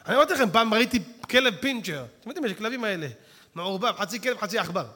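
A man preaching a sermon who swings from hushed tones to shouting and addresses his listeners directly. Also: sits high, lively intonation, very noisy. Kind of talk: Torah sermon to an audience. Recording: long reverb of a hall.

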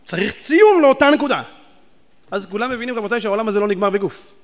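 A man preaching a sermon, animated and firing rhetorical questions at his audience. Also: high-pitched. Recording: long hall reverb.

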